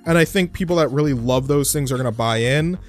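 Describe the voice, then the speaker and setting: A young man talks through his podcast on his own, casual and chatty, and his voice sits at a middle pitch. He keeps circling back with fillers and restarts as he goes. Soft music plays faintly behind him. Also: fast talker. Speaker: podcast host. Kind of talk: casual solo podcast talk.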